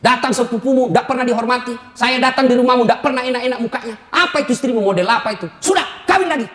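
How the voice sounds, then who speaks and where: A man's voice: very high voice, rapid-fire, a bit bright. A preacher voicing a village mother who grumbles at her son about his wife. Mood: grumbling. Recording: roomy hall.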